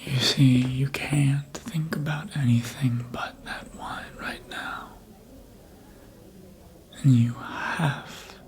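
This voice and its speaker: Speaking at medium pitch, a performer gives voice to a seductive, sly, manipulative vampire. The breathy ASMR whisper coaxes slowly and deliberately, as though hypnotizing the listener.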